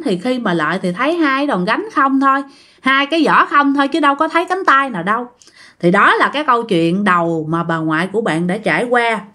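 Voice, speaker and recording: A woman narrating ghost stories in an expressive way, speaking directly to her listeners. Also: medium pitch. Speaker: storyteller.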